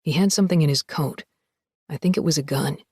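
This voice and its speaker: A woman reading an audiobook, voicing a frightened husband who leaves his wife an urgent, hushed warning. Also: low-pitched, brisk, breathy edge, dry recording, studio quality, voice pushed down.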